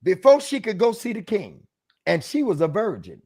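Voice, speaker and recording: High-voiced preaching man, animated. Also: moderate pace, husky. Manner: animated, preachy, breaks into shouts. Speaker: bishop. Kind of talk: preaching relationship talk.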